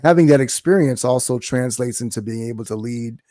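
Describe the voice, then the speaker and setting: Brief: male podcast host, warm mellow tone, dry close mic, affirming and encouraging. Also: medium pitch, fairly quick, no room sound. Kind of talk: casual interview.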